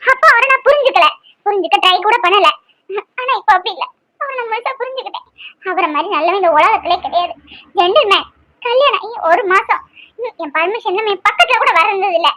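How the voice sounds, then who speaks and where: A woman's voice: very high voice, expressive, brisk, pushed and bright, full character voice, low-quality recording. A woman voicing a young newly married woman in a cartoon, frantic and tearful, pleading and scolding by turns.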